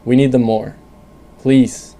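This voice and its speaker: A frightened father pleads for his family's food, as a man puts him on in a storytelling reading. The voice is gravelly and dark, pushed louder and strained with desperation. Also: mid-range voice, flat delivery, slow pace, a little hiss or hum. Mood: pleading.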